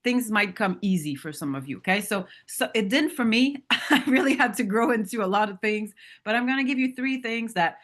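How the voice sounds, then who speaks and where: A woman's voice: on the high side, lively intonation, fairly quick, a bit bright. Candid woman speaker telling stories. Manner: candid, storytelling, asks the audience questions. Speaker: motivational speaker at a sales training. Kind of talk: motivational talk to an audience.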